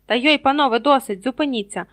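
Huge gruff kindly giant man, folksy and blunt, put on by a woman narrator, storybook. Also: medium pitch, quick pace, lightly acted.

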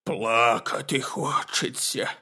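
A storyteller voicing a gentle bear cub who weeps over the passing of autumn. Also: medium pitch, creaky, husky, exaggerated voice. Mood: tearful. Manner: slow, drawn-out, sobbing. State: weeping. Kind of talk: storybook reading.

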